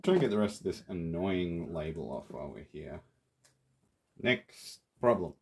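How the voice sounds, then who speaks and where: A playful Australian prop maker with a low, gravelly, very animated voice chats to viewers at a normal speed while building a theatre prop. It's a casual workshop tutorial in which he talks as he works.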